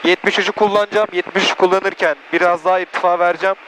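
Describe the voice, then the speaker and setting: A young student pilot speaks each action and radio call aloud over an aviation headset in a small plane's cockpit during flight. His voice sits high, steady, very fast and fairly bright. The rough recording carries cockpit intercom audio with engine hiss.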